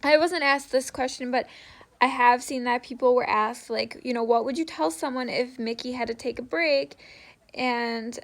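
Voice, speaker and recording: A young adult woman vlogs interview tips, chatting casually with viewers and frequently using "like" as a filler. Her voice is on the high side and she speaks at a normal speed.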